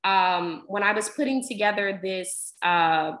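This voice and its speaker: A woman's voice: medium pitch, measured pace. A young woman from Guyana, raised in New York, leading an online poetry workshop as instructor, speaking earnestly with frequent ums. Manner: warm, earnest, many ums. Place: home room on video call. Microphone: laptop video call mic.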